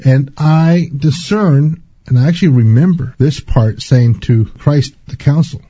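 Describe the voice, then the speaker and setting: Brief: man, deep mellow husky voice, slow and earnest spiritual testimony, dull muffled recording. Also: no room sound.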